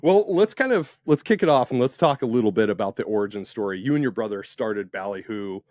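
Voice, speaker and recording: A man hosting a podcast in a casual interview, talking with enthusiasm and big swings in loudness. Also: fairly low pitch, lively intonation, a little fast, dry recording, clean studio sound. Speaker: podcast host.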